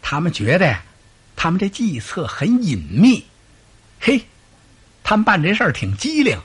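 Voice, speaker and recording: Male storyteller, husky, highly animated, dramatic delivery. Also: normal speed. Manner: animated, dramatic, vivid sound effects. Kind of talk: traditional storytelling performance.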